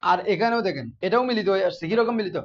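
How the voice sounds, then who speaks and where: A man's voice: high-pitched, rapid-fire, highs cut off. A man teaching a class, often asking his students questions and repeating the key terms. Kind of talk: classroom grammar lesson.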